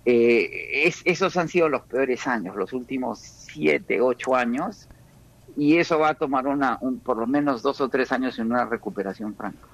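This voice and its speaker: Born in Peru, this man guests as an economist on a radio interview, explaining at a measured pace and restarting his sentences frequently. His voice is medium-pitched with vocal fry, and the audio sounds dull.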